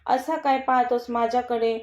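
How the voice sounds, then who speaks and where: A woman's voice: on the high side, fairly even intonation, normal speed, a little mellow, close to an everyday voice. Woman voicing a fiery scolding young wife. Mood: indignant. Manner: indignant, scolding. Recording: dull lo-fi recording.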